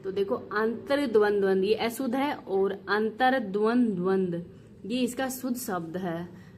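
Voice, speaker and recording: A woman's voice: mid-range voice, measured pace, darkish tone, a little hiss or hum. A woman teacher running an exam revision lesson, steadily drilling word forms one after another and repeating each correct answer.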